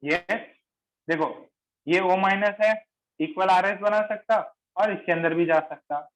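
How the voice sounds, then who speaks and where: A man's voice: sits high, unhurried, a bit bright, poor audio. A man teaching a chemistry class, repeating key terms and quizzing his students, mixing in English phrases. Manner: mixes English phrases into Hindi explanation. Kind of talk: classroom lecture.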